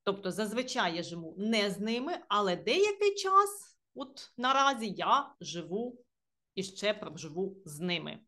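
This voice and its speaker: A young woman teaching English grammar in a video lesson, reading example sentences slowly and then explaining them patiently. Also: medium pitch, very animated, bright, forceful tone.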